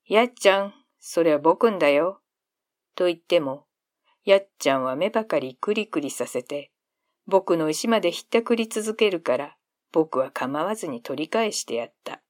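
A woman narrating a classic short story in a calm storytelling manner. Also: deep voice, moderate pace, dry recording, studio quality.

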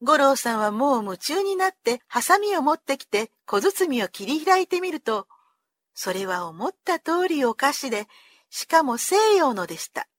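A woman reading a classic children's story aloud in an expressive manner, giving the characters their own voices. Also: high-pitched, moderate pace, no echo.

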